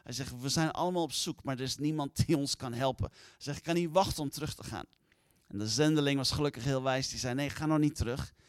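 A man's voice: medium pitch, fast talker, clear, resonant tone, no echo. A man preaching, telling a long story and acting out the voices of the people in it. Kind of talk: sermon storytelling.

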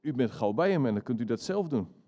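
A man's voice: medium pitch, lively intonation, quick pace, mellow, voice pushed up, lightly acted. A man voicing an earnest young woman, the granddaughter of a dying old man, in an eager, raised voice.

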